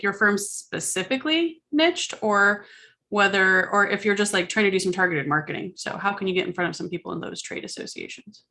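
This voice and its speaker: A woman co-hosting a live online Q&A who runs a firm, playful and quick with asides. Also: medium pitch, sharp tone. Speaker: co-host, accounting firm owner. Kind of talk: casual live Q&A chat.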